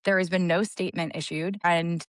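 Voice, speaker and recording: A woman telling a story in a casual podcast chat, fired up and rushing through long run-on sentences. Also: lowish voice, fairly even intonation, smooth, no room sound, studio quality. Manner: impassioned, rapid run-on storytelling.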